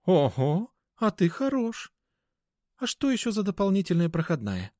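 A lively young woman chatters eagerly in a high, swooping voice, as a man performs her. She is curious and playful. The recording is close and dry. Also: moderate pace, no echo. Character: young female office worker, lively, curious, teasing. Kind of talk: audiobook character voice.

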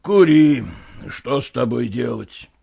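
Man doing a gruff old general. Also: mid-range voice, expressive, slow, mellow, voice pushed down, heavily acted. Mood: stern. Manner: curt, commanding, dry laughter. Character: stern elderly male general, gruff and mocking.

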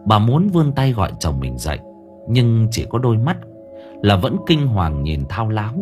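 A man tells a horror story in an expressive, suspenseful audiobook style. His voice is lowish but moves through a very wide range, rising and falling for effect. Faint music plays underneath. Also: normal speed. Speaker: audiobook narrator. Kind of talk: dramatic horror story narration.

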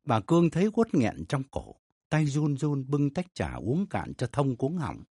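A man narrating a family story in an expressive, dramatic reading style. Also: medium pitch, a little slow, breathy edge, no echo, studio quality.

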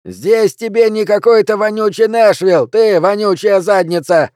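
A man voicing hostile hecklers yelling insults from a crowd. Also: high-pitched, a little slow, no room sound, clean studio sound, voice pushed up. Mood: jeering. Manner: yelling, jeering.

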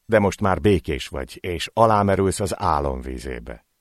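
A man voicing a troubled native man who murmurs a soft, humming death song. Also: low voice, expressive, no room sound, studio quality. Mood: hushed mournful.

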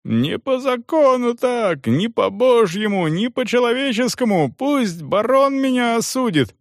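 A man voicing a ragged, bloodied man who hoarsely pleads for a fair trial. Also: huge pitch swings, slow pace, no room sound, studio quality, heavily acted. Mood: desperate shouting. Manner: shrill desperate pleading.

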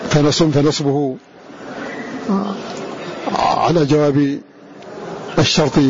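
A man giving a measured lecture on Quran readings, repeating verse lines slowly before explaining them. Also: a little high. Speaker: Quran recitation teacher. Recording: dull lo-fi recording with clear hiss.

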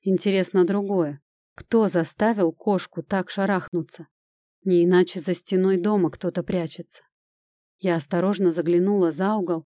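Low, mellow woman narrating an audiobook. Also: steady tone, normal speed, no echo, studio quality. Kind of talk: first-person audiobook reading.

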